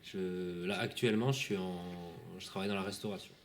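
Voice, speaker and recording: A young man from southwest France introduces himself in a fairly low voice. He speaks in a relaxed, hesitant way. Faint background noise sits under him. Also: a little fast. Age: 20s.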